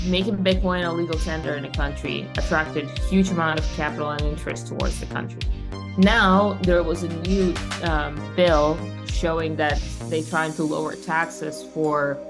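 A young woman from Russia, a podcast guest, talking energetically and emphatically with frequent fillers in a conversational interview. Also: low voice. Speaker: podcast guest, company founder.

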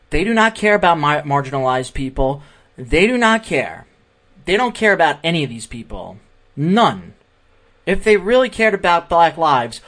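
A man hosts a political podcast and reacts to video clips. He rants heatedly, swears often and hammers his points by repeating them. His pitch sits a little high. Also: fairly bright tone. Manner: heated, profane, repetitive ranting. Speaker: podcast host. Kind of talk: political commentary over clips.

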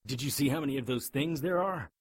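A man's voice: mid-range voice, fast, husky, no echo, clean studio sound, natural voice. A man playing a blunt, sardonic, urgent leader of frightened survivors in an audio drama. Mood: alarmed.

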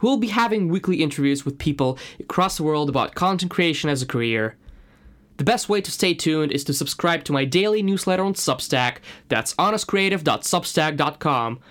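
A man's voice: fairly high pitch, lively intonation, a little fast, a bit bright. A man from Russia with a Russian accent and native Russian, speaking as a podcast host in an earnest, personal scripted monologue.

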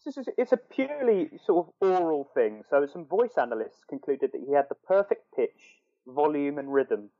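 Male podcast co-host, eager and halting, slightly high voice, dry muffled mic. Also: sing-song, no echo. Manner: enthusiastic, hesitant, many restarts. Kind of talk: casual chat.

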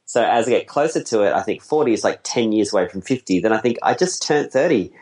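He talks fast, in an expressive voice on the low side with a darkish tone. A wedding photographer in his forties, he carries on a casual conversation in a rambling, self-deprecating way, quick to laugh.

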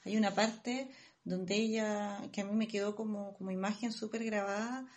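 A woman co-hosting a podcast, talking through a book in a slow, thoughtful, casual way, with small restarts. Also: medium pitch, fairly even intonation. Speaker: podcast co-host. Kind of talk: casual chat.

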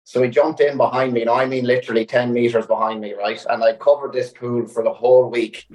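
A man's voice: mid-range voice, fairly quick. A young man, telling a fishing story in casual chat, full of "like" fillers. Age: young adult. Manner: animated anecdote-telling with many "like" fillers. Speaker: guest angler. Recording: roomy echoey sound.

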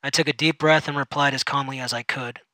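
Sardonic man reading a dark story. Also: mid-range voice, fairly even intonation, quick pace, no echo, low-quality recording. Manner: sardonic, bitter. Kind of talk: first-person story reading.

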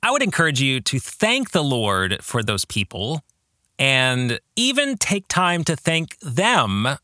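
This podcast host and book author leads a faith study earnestly, asking the listener reflective questions. His mid-range voice swoops wildly in pitch, slow, pushed and bright, captured in echo-free studio quality.

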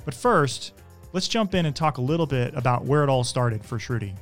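A man hosts a podcast and speaks at an average pitch. He reads a scripted intro, then interviews in a measured, friendly way. Faint music plays behind him. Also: expressive. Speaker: podcast host.

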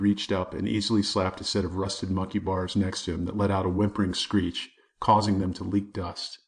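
A man narrating a children's chapter book in a vivid storytelling manner. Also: deep voice. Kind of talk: audiobook narration.

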